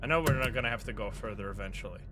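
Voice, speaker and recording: A man's voice: fairly low pitch, racing, very noisy. A man livestreaming a video game with casual, reactive commentary, joking and talking back to the game. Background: loud game music.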